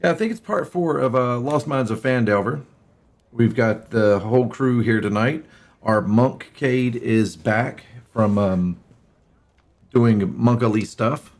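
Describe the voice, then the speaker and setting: A man's voice: medium pitch, a little slow, darkish tone. A man hosting and narrating a tabletop game as game master, talking casually with plenty of fillers and laughs.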